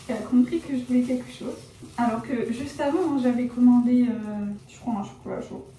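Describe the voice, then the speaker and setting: This young woman's fairly high, fairly quick, mellow voice comes from far off the mic in a roomy home recording with slight background noise and faint ambience. As she dyes her hair for her vlog, she rambles casually and self-corrects, full of "genre" and "euh," and says she's shy and reserved.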